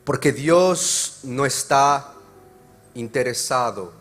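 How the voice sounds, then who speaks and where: Preaching pastor with soft music behind. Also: male voice, mid-range voice. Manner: swings from loud preaching to quiet, slow explanation. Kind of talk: sermon. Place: church service.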